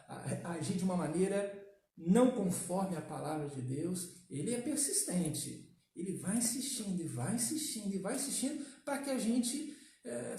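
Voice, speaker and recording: Mellow-voiced preaching man, echoey hall. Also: high-pitched. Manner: emphatic preaching with rhetorical questions and frequent tag questions. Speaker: pastor. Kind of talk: sermon. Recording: echoey church from far off.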